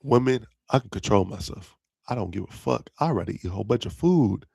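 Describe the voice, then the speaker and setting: A man's voice: on the low side, lively intonation, brisk, gravelly, warm tone, husky, dry recording, clean studio sound. A young man hosting his own podcast alone, rambling in casual slang and often laughing at his own jokes. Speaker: podcast host. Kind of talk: casual solo podcast chat.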